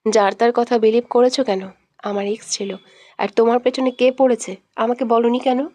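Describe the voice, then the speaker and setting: A woman's voice: fairly high pitch, level tone, normal speed, mellow, no room sound, close to an everyday voice. A woman voicing a hot-tempered, jealous young man in love in an audio romance, scolding and making threats. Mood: angry. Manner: scolding, threatening, then teasing.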